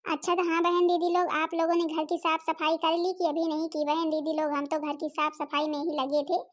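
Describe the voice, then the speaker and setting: A woman's voice: very high-pitched, level tone, a little fast. A woman voicing a scolding middle-aged elder sister-in-law in a cartoon, chattering and talking to viewers. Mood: chatty. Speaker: narrator figure addressing viewers. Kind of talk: Hindi cartoon voice acting.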